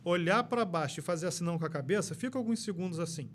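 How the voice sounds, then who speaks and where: Fast-talking Brazilian man, high voice. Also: a little hiss or hum. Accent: Brazilian Portuguese. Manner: explanatory, quick and animated. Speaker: podcast guest, NLP trainer. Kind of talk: casual podcast conversation.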